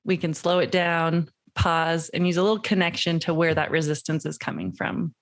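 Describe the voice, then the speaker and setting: A woman parenting coach on a podcast, explaining her advice in a lively way and dropping into a slow, soothing voice to demonstrate it. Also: on the low side. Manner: animated, acts out quoted voices.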